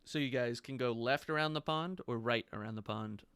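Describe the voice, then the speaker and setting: A man's voice: medium pitch, fairly quick, a bit bright, smooth, dry recording. A man narrating a tabletop game as game master, describing scenes loosely with casual fillers.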